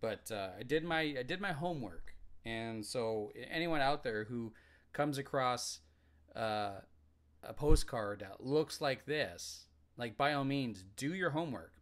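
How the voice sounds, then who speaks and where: Relaxed joking male co-host. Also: medium pitch, measured pace. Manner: relaxed, joking, rambling with fillers. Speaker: podcast co-host. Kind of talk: casual chat.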